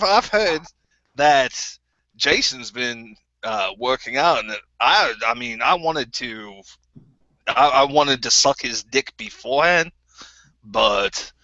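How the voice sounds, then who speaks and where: A man's voice: medium pitch, pushed and bright, no echo. A man playing a bitter, crude ex-member of a group, with a put-on New Zealand accent and a rambling, stammering way of talking. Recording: dull lo-fi recording.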